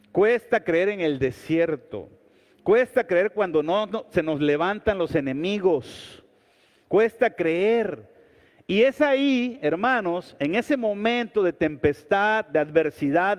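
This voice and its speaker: High-voiced pastor preaching slowly in a hall. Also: male voice. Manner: preaching with repeated refrains and sudden rises. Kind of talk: sermon.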